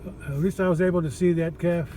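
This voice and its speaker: A man's voice: fairly high pitch, steady tone, fast, warm tone. A man thinking aloud in a casual vlog as he does farm chores outdoors, rambling in a folksy way and repeating himself. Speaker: farmer narrating his own chores. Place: outdoors on a farm, partly around a vehicle. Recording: noisy outdoor recording, vehicle noise.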